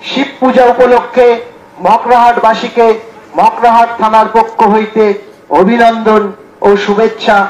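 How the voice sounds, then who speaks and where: A man making a formal police announcement through a megaphone on a moving vehicle, in measured, repeated phrases. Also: very high voice. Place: outdoors on a street. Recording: echoey loudspeaker with faint traffic.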